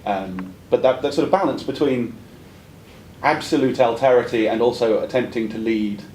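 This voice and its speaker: Here a conference questioner from the audience raises an academic point in a slightly dark voice at normal speed, politely and hesitantly, drifting as he goes. Echo fills the room and a faint rumbling sits in the background.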